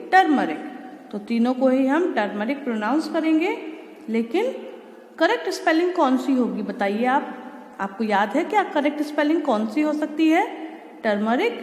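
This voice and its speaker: A woman teacher with an Indian English accent gives a recorded lesson to young pupils in Hindi and English, spelling words out letter by letter and asking questions. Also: high-pitched. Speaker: school teacher. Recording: echoey room, long reverb.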